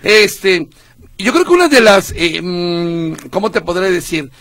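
Chatty high-voiced man hosting radio. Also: expressive, a little slow, gravelly, fairly bright tone, no room sound. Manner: chatty, jokey, stumbles over words. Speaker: radio co-host. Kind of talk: casual radio banter.

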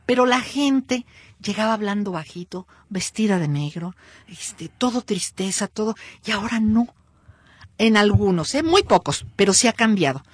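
A woman with a Mexican accent hosting a cultural radio show, lively and playful with her guest. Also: mid-range voice, moderate pace, breathy edge, no room sound. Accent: Mexican Spanish. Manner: lively, playful, laughs easily. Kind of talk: casual radio chat.

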